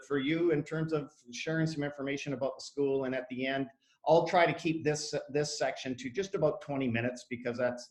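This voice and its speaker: A man's voice: mid-range voice, roomy sound. A man in his fifties, a school head giving an online information session in an earnest, conversational way, with many fillers and restarts. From Canada.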